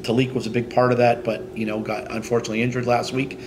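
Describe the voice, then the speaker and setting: A middle-aged man, a head football coach, answering post-game interview questions in a halting way, with many fillers and restarts. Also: medium pitch, level tone, noisy background. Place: indoors in front of a team logo backdrop.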